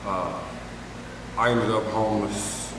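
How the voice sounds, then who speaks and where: A man's voice: lowish voice, steady tone, takes it slowly, noisy background. A man from Mississippi speaking hesitantly in a documentary interview, recorded from far off in a very echoey hall.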